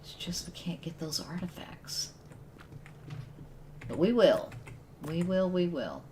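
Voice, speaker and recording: A woman's voice: fairly low pitch, very animated, slow pace, warm tone, a little hiss or hum. A woman streaming a survival game, giving casual commentary and thinking aloud as she plays. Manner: thinks aloud while playing, with restarts and laughs.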